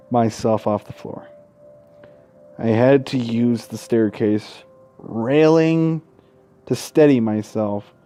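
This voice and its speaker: A gaming YouTuber with a mellow, mid-range voice reads game narration aloud in a let's play. He's irreverent and sweary and often trips over the words.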